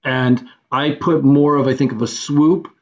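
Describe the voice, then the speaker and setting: A man hosting a carving chat over a video call, thinking aloud in long rambling sentences full of restarts. His mid-pitched voice comes through dull and muffled. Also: steady tone, measured pace, a little mellow. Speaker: host of a carving challenge. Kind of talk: casual video-call discussion.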